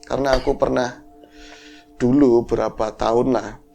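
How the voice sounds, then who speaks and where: A man's voice: medium pitch, normal speed, gravelly, faint music behind. A man, telling a horror story in casual chat and acting out the voices in it. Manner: animated, acts out voices in his story. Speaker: horror podcast host.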